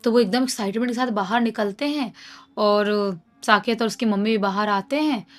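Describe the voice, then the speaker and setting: A woman's voice: mid-range voice, normal speed, faint music behind. A woman narrating a horror story in a dramatic, conversational way. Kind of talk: casual spoken storytelling.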